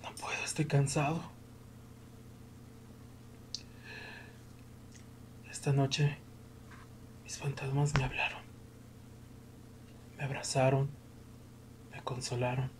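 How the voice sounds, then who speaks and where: Casting: male actor as exhausted, hopeless young man, dramatic monologue, flat mid-pitched delivery, halting and breathy. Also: natural voice. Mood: weary, hopeless. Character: despairing, exhausted young man weary of life. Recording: clear background noise.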